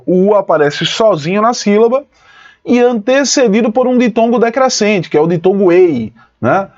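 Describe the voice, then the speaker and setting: Man, online teacher, higher voice, muffled lo-fi audio. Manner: lively, explanatory, addresses students as "pessoal". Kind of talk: online exam-prep lesson.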